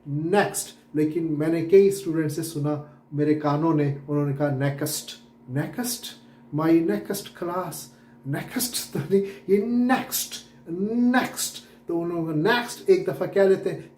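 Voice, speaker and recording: A man teaching English syllables in Urdu, repeating words slowly to correct common mistakes. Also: on the high side, mellow, echoey room. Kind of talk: classroom lesson on pronunciation. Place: classroom with whiteboard.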